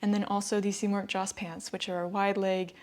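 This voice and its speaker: With a level, darkish, medium-pitched voice and a fairly quick pace, an American woman from the Northeast vlogs casually to camera about what she plans to sew. Light laughter slips in between her phrases.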